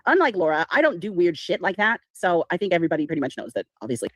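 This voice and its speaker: A woman's voice: lowish voice, big pitch swings, racing, dry recording. A woman hosting a casual livestream chat, sarcastic and swearing freely as she talks. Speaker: livestream host.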